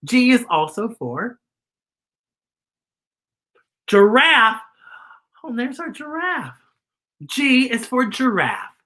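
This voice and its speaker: A slightly high, sing-song woman's voice, a bit bright, stretches out her words and pauses often. She runs a playful children's story hour with theatrical exclamations, drag-style camp and snatches of song.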